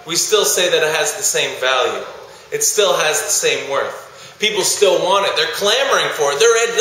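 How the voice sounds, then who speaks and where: A man's voice: fairly high pitch, bright, forceful tone, a little hiss or hum. A man, a speaker to student groups, telling a story in a vlog monologue and acting out how his audience reacts. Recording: very echoey room.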